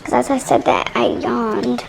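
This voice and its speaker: A young woman talks straight to her viewers through a tarot reading, rambling in a loose, chatty way. Her voice sits a little high and carries a gravelly fry. She is picked up on a phone microphone. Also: steady tone, a little slow, low-quality recording. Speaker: tarot reader.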